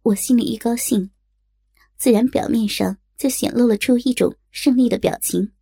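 A woman's voice: fairly high pitch, normal speed, creaky, mellow, breathy edge. A woman reading a first-person story aloud, in a chatty, wry way. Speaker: narrator.

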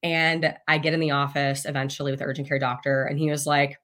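A woman in her thirties, appearing as a podcast guest, tells a personal story candidly and casually, swearing freely and laughing often. Her voice is low-pitched and a bit bright, fast with a level tone.

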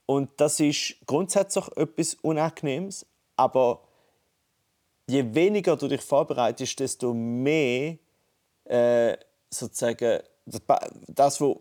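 A podcast co-host muses over a phone line in casual conversation, thinking aloud with lots of restarts and fillers. His voice is medium-pitched with a dark tone, and it's recorded as a phone call.

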